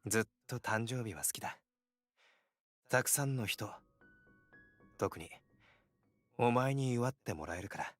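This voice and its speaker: An actor playing a tender young man who acts as a protective older brother, speaking gently and affectionately in a game scene. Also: mid-range voice, animated, brisk, pauses often, faint music behind, close to an everyday voice. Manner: gentle, affectionate, quietly teasing. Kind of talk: game voice acting.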